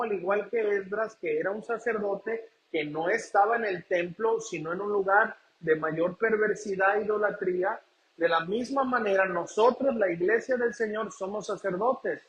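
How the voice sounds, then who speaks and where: A man's voice: high voice, fairly bright tone. A man from Mexico preaching a sermon, often calling out to the congregation and asking rhetorical questions. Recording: echoey church room.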